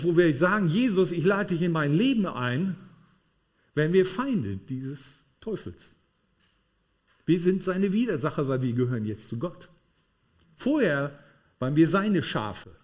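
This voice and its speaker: Man, preacher, sermon to a congregation, emphatic, fairly high pitch. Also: a little mellow. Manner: emphatic, addresses congregation with tag questions. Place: room with a congregation.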